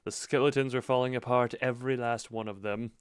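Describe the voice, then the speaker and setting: A man's voice: medium pitch, fairly even intonation, fairly quick, clear, resonant tone, dry recording, studio quality. A man reading a story game aloud as its player, dramatic in the narration and joking in his asides.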